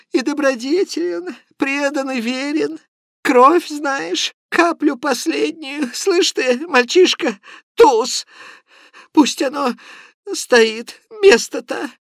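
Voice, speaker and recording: A man's voice: extremely high pitch, slow pace, no echo, clean studio sound, voice pushed up, full character voice. A man voicing a sick, poor old clerk who rambles in broken phrases full of fillers. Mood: muddled pleading. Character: sick, feverish, poor old male clerk, muddled and pleading.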